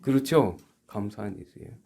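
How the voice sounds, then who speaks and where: Preaching in a halting way, the South Korean pastor swings from quiet asides to pointed rhetorical questions. He has a fairly low, gravelly voice with lively intonation.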